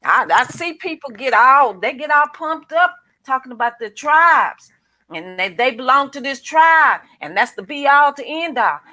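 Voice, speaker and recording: Halting, higher-voiced woman. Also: lively intonation, bright, forceful tone, dry recording, poor audio. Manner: thoughtful, halting, with many restarts. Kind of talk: casual discussion.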